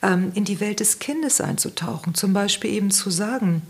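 A woman guest in a conversational interview, giving parenting advice in a thoughtful, gently explaining way and searching for words as she goes. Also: mid-range voice, normal speed, breathy edge.

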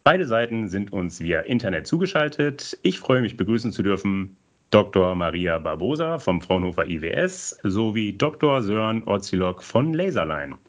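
A man hosting a podcast with a fairly low voice that rises and falls a lot. He reads a scripted introduction in an animated way, slips in puns, and moves briskly on to his questions. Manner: animated, playful wordplay. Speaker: podcast host.

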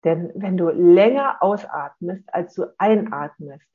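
A parenting coach giving a calm, explanatory talk to parents and often checking in with a short "ja?". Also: medium pitch, a little slow. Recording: dull lo-fi recording.

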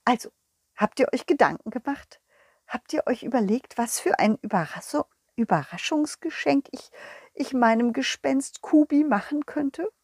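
A woman's voice: expressive, moderate pace, darkish tone, breathy edge, dry recording, clean studio sound, heavily acted. Woman doing a giddy, squealing fairy-tale king. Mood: excited. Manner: giggly, high and breathless, apologizing constantly. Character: excitable flustered fairy-tale king, male, jittery, flatulent. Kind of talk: children's audio story acting.

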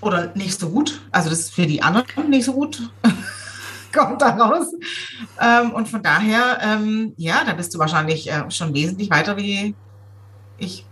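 A middle-aged woman from Swabia with a Swabian German accent, chatting casually, lively and self-mocking, laughing often. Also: medium pitch, unhurried. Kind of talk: casual chat.

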